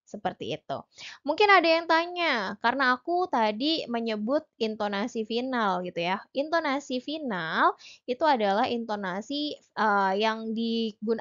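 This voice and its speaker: A woman's voice: on the high side, a bit bright, muffled recording. A young woman tutor giving an exam-prep lesson, explaining each point step by step in a chatty way with many fillers.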